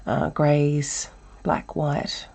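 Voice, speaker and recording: An Australian-accented art teacher leads a relaxed live drawing lesson, thinking aloud as she goes. A chest cold has made her low voice croaky and breathy, and she speaks very slowly.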